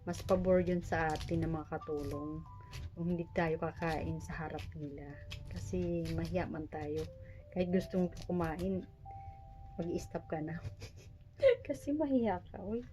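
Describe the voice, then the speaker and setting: A low female voice with fairly even intonation moves at a moderate pace over background music. The speaker is a self-deprecating Filipino vlogger in her forties with missing front teeth, chatting casually and jokingly as she prepares food in a small private room.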